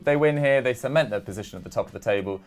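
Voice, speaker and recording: A man's voice: mid-range voice, racing. A young man hosting a casual football chat show, reeling off stats in a chatty, self-deprecating way. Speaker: football podcast host.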